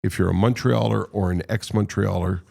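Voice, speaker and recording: A man co-hosting a podcast in casual chat, animated and quick to laugh. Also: on the low side, creaky. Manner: animated, laughs often, restarts sentences. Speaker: podcast co-host. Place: podcast studio.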